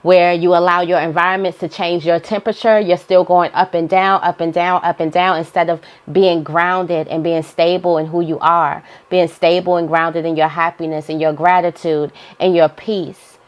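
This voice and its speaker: A woman's voice: fairly low pitch, level tone, moderate pace, few pauses, lo-fi sound. A woman giving an informal, motivational spiritual monologue, repeating phrases for emphasis as she guides listeners. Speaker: spiritual guidance host.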